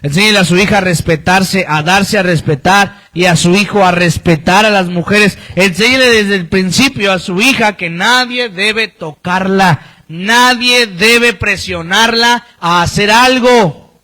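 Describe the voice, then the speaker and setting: A man's voice: high voice, measured pace, sharp tone. A man pastor preaching a sermon, pressing his points with emphatic repetition and sudden swings in his voice. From Colombia.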